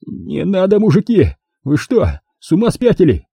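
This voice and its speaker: A man's voice: sits high, very animated, normal speed, mellow, husky, no echo, clean studio sound, pitched above the performer's own voice, heavily acted. A man voicing a coarse, cornered male former diver who snarls curses and then begs for mercy, in an audiobook reading. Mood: pleading.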